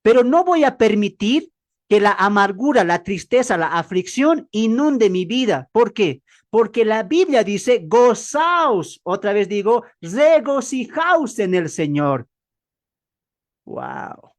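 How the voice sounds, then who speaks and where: A man preaching a Bible class sermon, asking the audience questions and acting out both sides of dialogues with changing pitch and pace. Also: sing-song, measured pace. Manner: dramatic, acts out dialogues with shifts in pitch and pace; asks the audience rhetorical questions. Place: church hall, also streamed on a video call.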